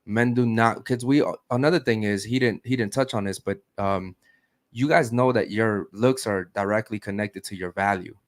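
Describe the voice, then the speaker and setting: A man's voice: on the low side, moderate pace. A man hosting a casual podcast chat, talking bluntly and dropping "bro" and "man" often. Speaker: podcast host.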